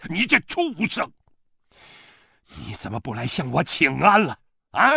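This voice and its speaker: Male reader as a furious old father-in-law, shouting, gravelly, dry close studio sound. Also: a little high, wildly swooping pitch, a little slow, no room sound, voice pushed up, full character voice. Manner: barking, scornful insults. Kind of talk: audiobook character voice.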